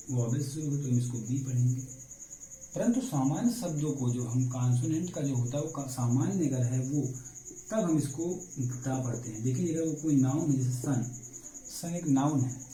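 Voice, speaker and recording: A man teaching an English grammar lesson in a very dark, mellow voice, walking through each rule step by step and answering his own questions. The room is echoey, with faint insect chirping in the background. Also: mid-range voice, slight background noise. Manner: explains step by step, asks questions and answers them himself.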